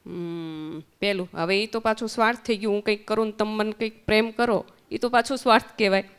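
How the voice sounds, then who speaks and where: Clear-voiced woman teaching children. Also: medium pitch, steady tone, fairly quick. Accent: Gujarati. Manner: asks children questions and repeats their answers. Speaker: spiritual teacher at children's summer camp. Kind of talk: interactive lesson with children. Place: centre hall.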